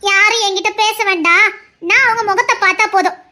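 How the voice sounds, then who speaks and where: Woman doing a very high, bright devoted young wife. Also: brisk, heavily acted. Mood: devoted, pleading. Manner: earnest, pleading, insistent. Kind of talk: Tamil audio drama.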